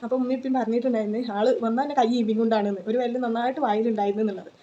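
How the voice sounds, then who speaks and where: A woman's voice: a little high, steady tone, very fast, mellow, highs cut off. A woman, telling a personal story in a casual vlog, chatty with lots of fillers and "you know" tags. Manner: chatty, tags sentences with 'you know', many fillers. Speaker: vlogger.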